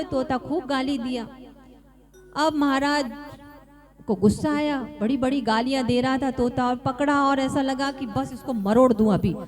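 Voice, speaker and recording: Woman storyteller for kids, high and slow, quizzes the audience, music underneath. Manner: asks listeners questions and repeats answers. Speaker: storyteller at a student camp. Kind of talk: moral storytelling for children. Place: ashram camp gathering. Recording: music playing behind the voice.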